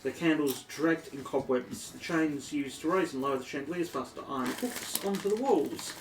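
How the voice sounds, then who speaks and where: A man's voice: on the high side, normal speed. A man with an Australian accent narrating a tabletop game as dungeon master, descriptive with many ums. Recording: echoey room, distant mic, faint noise.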